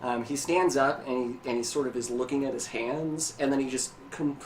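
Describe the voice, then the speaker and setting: A man acting as game master, narrating a tabletop game at a mid pitch. He talks haltingly with plenty of fillers and restarts. His voice sits in an echoey room with a faint hum of ambience behind it.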